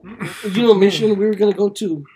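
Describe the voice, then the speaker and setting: A man chatting casually with friends for a podcast, teasing and cursing as he goes. His voice sits high for a man. The talk is loose and relaxed. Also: normal speed, crowd noise. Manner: joking, teasing, swears often. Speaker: podcast co-host. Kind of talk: casual chat among friends.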